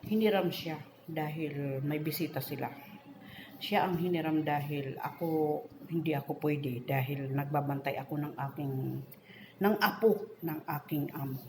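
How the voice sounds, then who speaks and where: Middle-aged woman, low voice, venting a grievance to camera in an echoey room with faint hiss. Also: measured pace. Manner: aggrieved, ranting storytelling. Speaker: domestic helper. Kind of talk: venting vlog monologue.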